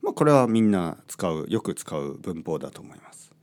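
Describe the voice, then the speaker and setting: A middle-aged podcast host rambles casually about the Japanese language, often interrupting himself. His voice sits low with big swings in pitch, a darkish tone and a normal speaking speed.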